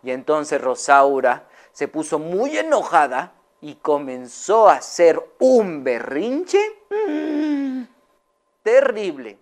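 A woman telling a children's story, animated and often asking her young listeners questions. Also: low-pitched, takes it slowly.

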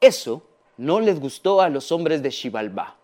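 Lively storyteller man. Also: fairly high pitch. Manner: animated, slow and clear, addresses children directly. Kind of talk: children's storytelling lesson.

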